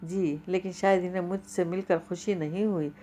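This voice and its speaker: A woman's voice: lowish voice, fairly even intonation, mellow, natural voice. A woman voicing a shy, hesitant young woman in a storybook reading.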